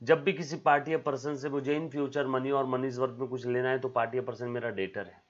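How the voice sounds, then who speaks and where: A man's voice: mid-range voice, steady tone, normal speed. A man teaching a commerce class on video, repeating his points over and over and calling the students "beta". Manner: repetitive, drilling, calls students "beta". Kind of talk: recorded video lecture. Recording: slightly dull lo-fi sound.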